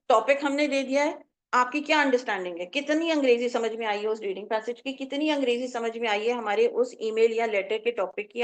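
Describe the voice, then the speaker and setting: Lecturing in a high voice, a woman who teaches college English explains material by repeating points and often switching between Urdu and English. The lecture is recorded for her class and for online students.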